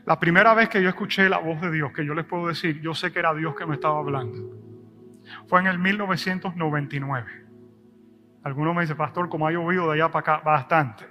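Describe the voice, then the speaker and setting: A middle-aged man preaches to his church in a fairly high, bright voice. He rises to loud, ringing peaks and then drops to a soft, quiet delivery. Soft music plays underneath. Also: quick pace. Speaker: pastor. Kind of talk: sermon. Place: church service.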